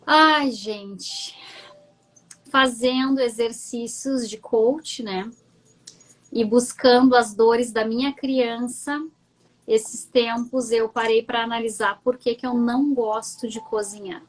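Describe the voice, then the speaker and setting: Gaúcho lady coach chatting on a live, kinda high voice, candid, keeps asking if you get it. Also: steady tone, takes it slowly, faint music behind, poor audio. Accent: southern Brazilian (gaúcho). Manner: chatty and candid, often checking in with "entende?". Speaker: coach, guest. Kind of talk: casual personal storytelling on a live stream.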